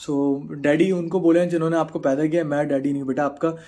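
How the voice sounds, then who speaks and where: A man's voice: fairly high pitch, steady tone, mellow. A man in his thirties with a Pakistani Urdu accent, chatting casually on a live stream as he reads out and answers viewer comments, mixing English into his Urdu. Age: 30s. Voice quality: mixes English into Urdu, frequent filler pauses. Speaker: bodybuilder answering live chat.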